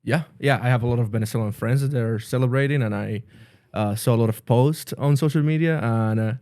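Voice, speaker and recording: Earnest halting pastor from the Dominican Republic. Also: male voice, mid-range voice, a little mellow, no echo, studio quality. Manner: earnest, halting, many restarts. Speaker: pastor, guest. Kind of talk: casual interview.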